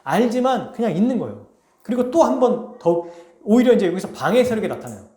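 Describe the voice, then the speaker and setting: A man preaching a sermon as pastor, telling a story with lively, questioning delivery to his congregation. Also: high voice, fairly quick, roomy sound. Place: church sanctuary.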